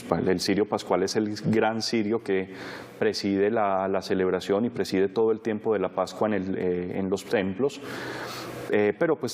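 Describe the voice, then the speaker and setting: Low-voiced Colombian priest in reverberant sound. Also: male voice, a little mellow. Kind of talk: explanatory interview talk.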